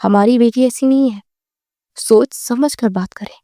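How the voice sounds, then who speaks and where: A distressed middle-aged mother pleads for her daughter, as a woman reading the audiobook puts her on. There is bitterness in her mellow voice. It sounds close and dry. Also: on the high side, no room sound, close to an everyday voice. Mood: bitter.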